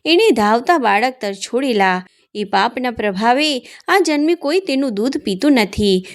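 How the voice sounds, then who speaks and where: A woman's voice: a little high, expressive, a little slow. A woman voicing the god Shiva, male, wise and commanding, in a devotional tale, speaking with authority as he instructs.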